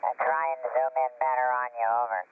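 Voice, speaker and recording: A man on a ham radio net whose signal is off frequency, so his voice comes out mistuned and pitched oddly. He talks in an easygoing, apologetic way. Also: steady tone, brisk, creaky. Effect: mistuned ham radio, pitch shifted up. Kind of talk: casual radio chat. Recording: tinny radio with loud static.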